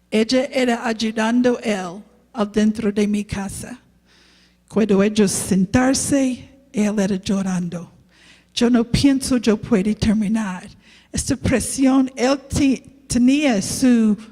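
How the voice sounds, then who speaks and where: In a church full of echo, a woman preaches slowly, a missionary who grew up speaking English. Her pitch sits on the high side with a warm quality, and her Spanish comes out halting and non-native as she restarts while sharing a personal story in her sermon.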